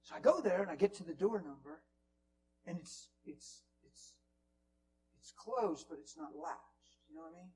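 A man preaching in a church, telling a story with sudden drops into whispers and bursts of loud exclamation. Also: on the high side, animated, normal speed, faint music behind. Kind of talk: sermon storytelling. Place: church hall.

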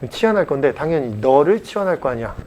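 Guy math tutor at a cram school, kinda high voice, blunt and jokey, keeps going "right? got it?" at the kids. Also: big pitch swings, fast, a little mellow. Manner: blunt, chatty, keeps asking students rhetorical check-in questions; mock-scolding, joking lecture to teens. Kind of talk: classroom math lecture. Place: classroom at a private cram school.

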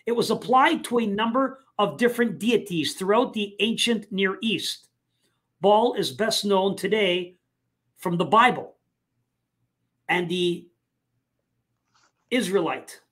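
A man hosting a live online talk show, speaking casually with many fillers and pauses. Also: high voice, lively intonation, fairly bright tone. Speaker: host.

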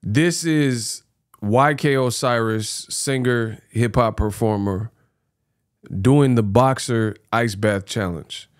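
Recorded dry and at studio quality, a man in his thirties speaks slowly with a clear, resonant, medium-pitched voice. He hosts reaction videos from a small indoor home studio, using a close stand microphone, and his colloquial teasing often repeats.

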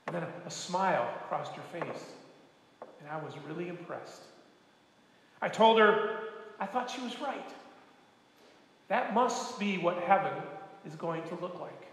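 An older man, a retired pastor, preaching a sermon with gentle, folksy storytelling and humor. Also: high voice, lively intonation, a little slow, long pauses, slight background noise. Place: church sanctuary. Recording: echoey church hall.

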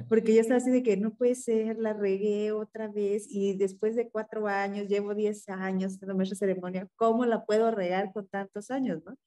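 A woman's voice: medium pitch, level tone, normal speed, dark tone. Chatty, self-deprecating woman. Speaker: club member, master of ceremonies. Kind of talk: casual chat on a call.

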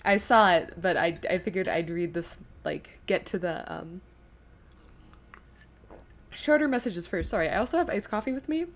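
With video game music and sound in the background, a woman streams her gameplay and talks casually to viewers, rambling and muttering to herself as she goes. She has a lowish, expressive voice, speaks at a normal speed, and pauses often.

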